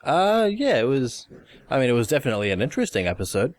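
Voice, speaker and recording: A man co-hosting a casual podcast, giving brief, low-key replies. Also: huge pitch swings, quick pace. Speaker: podcast co-host.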